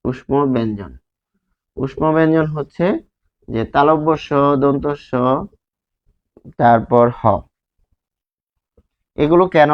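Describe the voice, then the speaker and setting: A man's voice: mid-range voice, slow pace, long pauses. A male teacher from Bangladesh giving a grammar lesson, asking and answering his own questions and drawing out sounds to demonstrate them. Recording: slightly dull lo-fi sound.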